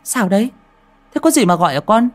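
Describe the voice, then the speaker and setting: A woman's voice: mid-range voice, lively intonation, moderate pace, a little mellow, faint music behind, pitched above the performer's own voice, close to an everyday voice. A man voicing a frightened old mother who pleads with her ancestors in a trembling voice. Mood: alarmed. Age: older.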